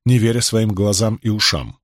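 A man narrating an adventure novel in an expressive, measured voice. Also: on the low side, no echo, clean studio sound. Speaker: audiobook narrator. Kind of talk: scripted narration.

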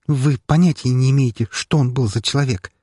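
A man's voice: medium pitch, a little fast, a little mellow, husky, no room sound, studio quality, voice pushed up, natural voice. Man voicing a tearful, hostile young maid. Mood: bitter tearful. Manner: clipped, strained speech through clenched teeth. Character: young maid, grieving, hostile and near tears.

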